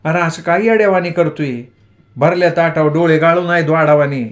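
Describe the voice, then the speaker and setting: A man's voice: fairly high pitch, fairly quick, pitched above the performer's own voice, close to an everyday voice. A man voicing an affectionate rural mother who scolds tenderly in village dialect, in a storytelling audiobook. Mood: coaxing, tender. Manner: coaxing, chiding village dialect.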